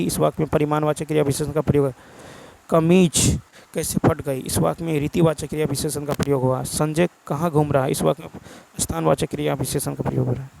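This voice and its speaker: A man from India running an exam-prep lesson, working through the answers one by one. His voice is gravelly and mellow and sits a little high, and his delivery is brisk, with long lists of examples. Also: poor audio. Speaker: teacher.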